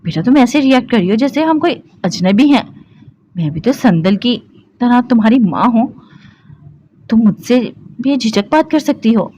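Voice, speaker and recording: A kind middle-aged aunt, voiced by the narrator, speaks gently and warmly to her niece. The voice sits a little above the narration of this audio novel. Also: a little high, lively intonation, lo-fi sound, a little hiss or hum, pitched above the performer's own voice, lightly acted. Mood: motherly. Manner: gentle, motherly.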